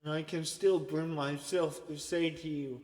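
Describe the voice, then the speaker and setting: A man's voice: a little high, fairly even intonation, a little slow, darkish tone. A man preaching an informal sermon in a conversational way, often checking in with "okay?". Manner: conversational, repeatedly asks "okay?". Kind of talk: informal sermon to an online group. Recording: echoey long reverb.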